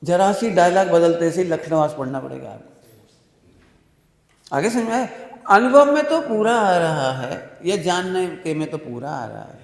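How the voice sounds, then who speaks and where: A man teaching a religious workshop, slowly explaining with everyday examples and often asking whether everyone understood. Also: fairly high pitch, lively intonation, gravelly. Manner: keeps asking listeners if they understood. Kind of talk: classroom-style religious discourse. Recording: reverberant hall sound.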